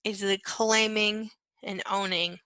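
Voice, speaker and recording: A woman acting as a spiritual coach leads a guided clearing meditation and teaching talk, speaking conversationally and often asking "right?" and "okay?". Her mid-range voice is slow, fairly even, sharp and clean with no echo. She soothingly chants phrases over and over, letting them fade to a whisper.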